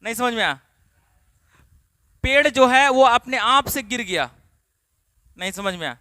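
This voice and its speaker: A man's voice: very high voice, lively intonation, a little slow, sharp tone, no echo. A man from Bihar with a Bihari Hindi accent, teaching a spoken English class and asking the students the same questions again and again. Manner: repetitive questioning, drills students. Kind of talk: classroom lesson.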